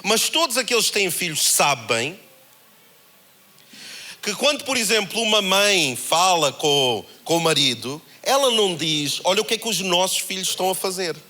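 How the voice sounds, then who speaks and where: A man with a European Portuguese accent preaching a sermon, in a conversational, animated way that acts out the voices he quotes. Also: high voice, moderate pace. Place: church held in a cinema.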